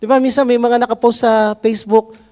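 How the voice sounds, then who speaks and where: A man preaching a sermon, mixing English into his talk and asking the congregation rhetorical questions, swinging from loud to hushed. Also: very high-pitched, little pitch movement, a little fast. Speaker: pastor.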